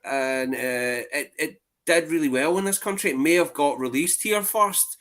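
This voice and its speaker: A man's voice: fairly high pitch, moderate pace, a bit bright. A man with a Glaswegian accent, chatting casually about films as a YouTuber on a panel. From Glasgow, Scotland. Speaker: YouTuber on a film discussion panel. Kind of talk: casual film chat.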